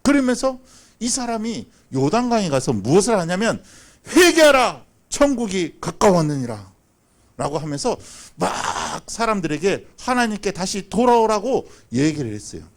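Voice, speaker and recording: A man telling a Bible story as a children's sermon, acting out the characters with lively, animated delivery. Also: sits high, moderate pace. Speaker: children's pastor. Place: church.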